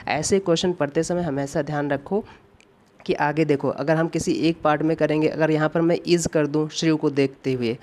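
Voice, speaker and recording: A man teaching English grammar for exam preparation, asking himself questions, answering them, and reading example sentences very slowly. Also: a little high, fairly even intonation, a little mellow. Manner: asks rhetorical questions and answers them, repeating key points. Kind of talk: classroom lecture explaining grammar questions.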